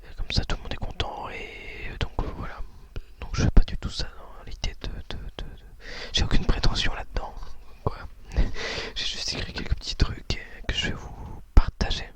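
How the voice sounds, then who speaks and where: A woman whispers softly and breathily in an ASMR style, unhurried and a little hesitant, as the host of talk and poetry readings.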